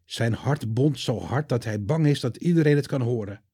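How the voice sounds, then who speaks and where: A man narrating a Bible story for children in a calm, clear storytelling manner. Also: mid-range voice, normal speed, no room sound, studio quality.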